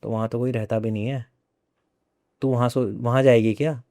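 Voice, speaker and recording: A man's voice: medium pitch, fairly even intonation, warm tone, no room sound, clean studio sound. A young man, a podcast guest, telling a personal ghost story in a casual way and often repeating his phrases. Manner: repeats phrases, conversational and unhurried.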